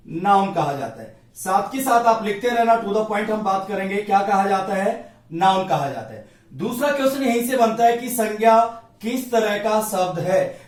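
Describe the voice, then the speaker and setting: A male Hindi grammar teacher giving an exam-prep lecture at a board, drilling each point by asking a question and answering it himself. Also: high-pitched. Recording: echoey room, voice from a distance.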